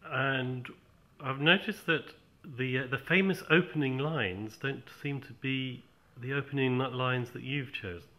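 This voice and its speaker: A man's voice: mid-range voice, unhurried, sharp tone. A man asking casual interview questions from behind the camera.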